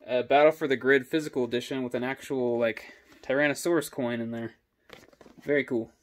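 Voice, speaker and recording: A young man casually running through his video game collection, giving quick offhand comments on each title. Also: mid-range voice, fairly even intonation. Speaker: gaming YouTuber.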